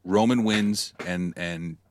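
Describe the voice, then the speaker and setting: A man with a low voice talks casually as a co-host, laying out his predictions with animation and now and then mimicking catchphrases. The recording is dry and close, with no echo. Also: slow. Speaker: podcast co-host. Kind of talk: casual chat.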